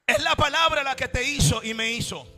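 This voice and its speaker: Faint music plays behind a man with a very high voice preaching to a church congregation a little fast. His impassioned, repetitive cadence swings between shouts and quiet passages.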